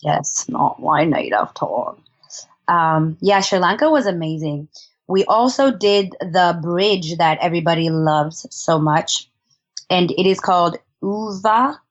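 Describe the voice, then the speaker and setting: A woman with a lowish, animated voice speaks a little slowly, and the recording has its highs cut off. She's a podcast guest telling travel stories in a chatty, casual way, laughing often and restarting her sentences.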